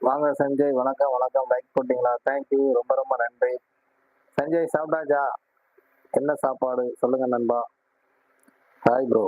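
A man's voice: medium pitch, level tone, moderate pace, pauses often, no echo. Friendly man live-streaming over a tinny line. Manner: friendly, repeatedly greeting viewers and asking them to like and subscribe. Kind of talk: casual live-stream chat, reading viewer comments. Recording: tinny phone-like sound.

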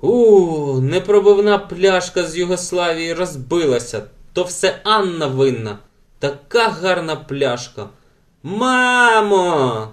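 A man's voice: sits high, animated, slow pace, pitched above the performer's own voice. A man voicing a tearful, bossy ten-year-old girl in an audiobook, wailing and sobbing. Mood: wailing, indignant.

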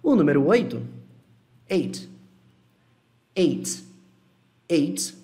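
Young male teacher, casual and encouraging, slow repeats of example words. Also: on the high side, very animated, dark tone. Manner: friendly, reassuring, repeats words slowly to model pronunciation. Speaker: English teacher. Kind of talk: casual online lesson.

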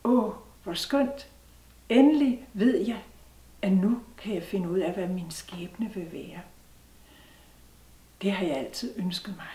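Woman doing a restless man on a quest for fate in a spoken folktale, eager and questioning, mid pitch, distant echoey mic. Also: pauses often, mellow, lightly acted. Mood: delighted. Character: restless grown man hunting his fate. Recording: roomy sound from a distant mic.

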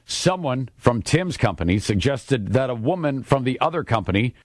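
A man's voice: mid-range voice, expressive, normal speed, no echo. A man hosting a radio talk show in a conversational way, laughing easily. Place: radio studio.

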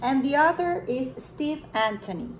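A woman in her thirties who teaches pre-kindergarten reads a picture book aloud at home in a high voice, slowly and expressively, gasping and asking young children questions. The recording is rough, with a little hiss or hum, made in a room with window blinds.

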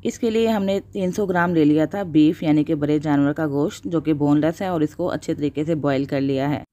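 A woman with a low, dark, mellow voice talks viewers through a recipe in a voice-over. Her delivery is steady and instructional, peppered with blessings. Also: a little fast. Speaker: cooking channel host. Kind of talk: voice-over cooking tutorial.

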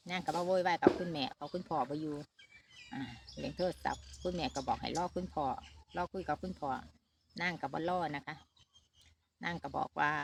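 With a little background noise, a middle-aged woman speaks in a low-pitched, fairly bright voice. She's a vlogger mom from Northeast Thailand with an Isan Thai accent, recording a casual family update on a handheld phone at a shaded farm and talking to viewers with lots of fillers.

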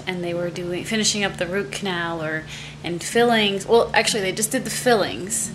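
A woman hosting a casual home vlog, chatting straight to her viewers in an easy, conversational way. Her voice sits at a middle pitch. The recording is noisy, with a steady hiss under her voice. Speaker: vlog host. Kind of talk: casual chat to camera. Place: apartment.

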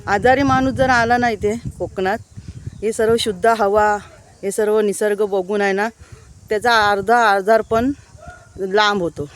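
A married adult woman films a casual walking-tour vlog on her phone in the village gardens, chatting with viewers and pointing things out as she goes. Her voice is mid-range, her tone steady and her pace measured.

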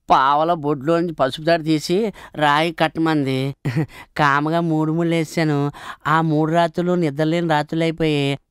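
A man's voice: fairly high pitch, a bit bright, clean tone, no echo, clean studio sound, close to an everyday voice. A man playing a henpecked, rueful clerk. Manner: rueful storytelling. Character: henpecked married clerk recounting his fate. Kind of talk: comic film acting.

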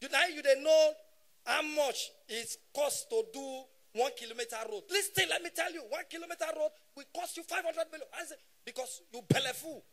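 A man in his thirties doing stand-up comedy with a Nigerian Pidgin English accent, animated and shouting his punchlines. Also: very high-pitched, brisk. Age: 30s.

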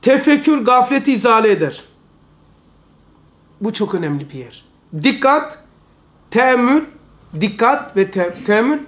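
A man's voice: extremely high pitch, sing-song, a little slow, long pauses, a bit bright. A man giving an informal religious lesson, emphatic and repetitive, often calling his listeners brother. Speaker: religious study teacher.

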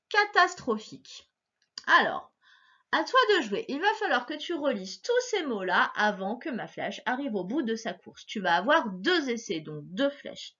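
Patient woman teaching phonics, lively pitch. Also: slightly rough, muffled recording. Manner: patient, slow and encouraging, stressing each sound. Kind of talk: recorded phonics lesson for a child.

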